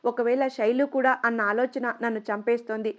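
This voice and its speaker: A woman narrating a first-person story in a steady, even reading voice. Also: on the high side, moderate pace, lo-fi sound.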